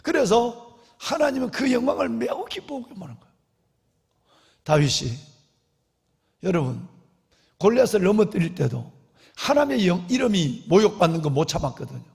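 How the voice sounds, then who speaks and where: Middle-aged male pastor, high gravelly voice, fervent preaching to the congregation, long church reverb. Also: very animated, moderate pace, pauses often, a little mellow. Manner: impassioned preaching, often calling out to the congregation; acts out prayers and quotes in a dramatic voice. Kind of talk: sermon. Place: large church sanctuary.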